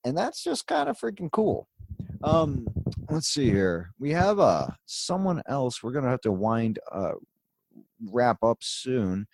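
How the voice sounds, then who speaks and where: A man's voice: mid-range voice, sing-song, unhurried, gravelly, darkish tone, no echo. A man hosting a live show in casual chat, rambling along with easygoing asides. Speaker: host.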